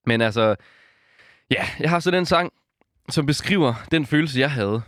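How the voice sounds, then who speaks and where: A young man co-hosting a podcast, telling a story in a casual, animated way and laughing often. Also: on the high side, no room sound, clean studio sound. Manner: animated storyteller, acts out quotes, laughs a lot. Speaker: podcast co-host.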